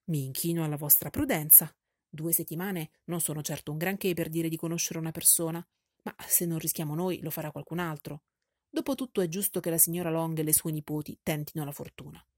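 A woman voicing a dry, ironic older gentleman who teases his family in a deadpan way, in an audiobook reading. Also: sits low, a little fast, no echo. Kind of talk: audiobook character voice.

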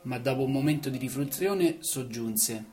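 Deep-voiced woman reading a storybook. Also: soft background music. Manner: calm, measured, unhurried. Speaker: narrator.

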